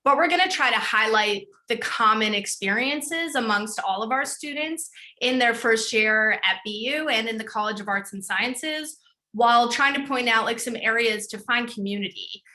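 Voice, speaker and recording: A middle-aged woman from the Chicago suburbs hosts an online open house panel. She talks in an upbeat, chatty way with easy fillers. Her voice is bright and sits a little high. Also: normal speed. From northern suburbs of Chicago. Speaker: student programs director hosting a panel.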